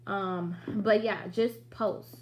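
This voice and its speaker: A woman's voice: mid-range voice, steady tone, drawn-out words, a little mellow. A woman in her late thirties hosting a business livestream in a chatty, direct, motivating way with slangy asides. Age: late 30s. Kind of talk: casual livestream talk.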